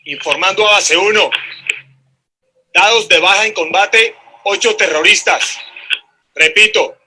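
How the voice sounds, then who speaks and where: A man's voice: sits high, a little slow, pushed and bright, a little hiss or hum, full character voice, poor audio. A man playing a harsh military sergeant in a film, barking commands like a drill sergeant. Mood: clipped, commanding. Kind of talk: film acting.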